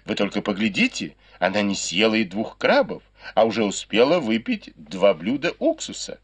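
A man's voice: fairly low pitch, wildly swooping pitch, moderate pace, breathy edge, full character voice. A man reading an audiobook, voicing a sly young maidservant who makes a joke at someone's expense. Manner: sly, laughing.

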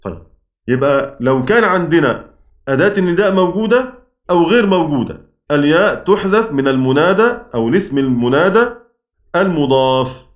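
A man's voice: on the high side, animated, a little fast, roomy sound. A man with an Egyptian Arabic accent, teaching a class on Quranic spelling, often repeating key words and asking the students questions. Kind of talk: classroom lesson.

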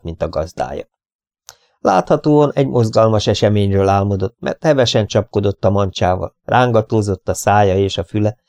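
A man reading an audiobook in an expressive, measured storytelling manner. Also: lowish voice, creaky, dry recording, clean studio sound. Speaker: audiobook narrator. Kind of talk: scripted audiobook narration.

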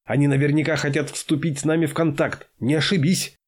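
A man doing an agitated, shouting rebel crewman. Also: a little high, little pitch movement, a little fast, lightly acted. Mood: urgent. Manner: shouts urgent warnings.

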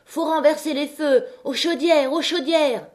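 A woman voicing a furious old miner's widow who shouts shrilly in an audiobook. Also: sits high, measured pace, voice pushed up.

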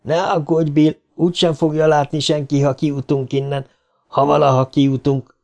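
A man's voice: a little high, little pitch movement, a little mellow, pitched above the performer's own voice, lightly acted. A man voicing a frightened boy's anxious inner thoughts in an audiobook. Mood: desperate. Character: frightened boy trapped in a tub.

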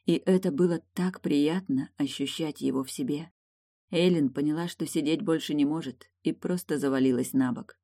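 A woman narrating a romance audiobook in an even, unhurried read. Her voice is low and dark, close to the mic in a dry, dead room. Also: no room sound. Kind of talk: scripted narration of a romance novel.

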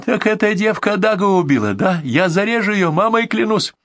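A crazed, desperate bandit screams and threatens in a high, strained voice, as a male narrator acts him out. The delivery swings wildly and frantically. It sounds dry and close, with no room around it. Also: expressive, moderate pace, fairly bright tone, no echo. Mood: frantic. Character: hysterical knife-wielding male bandit, desperate.

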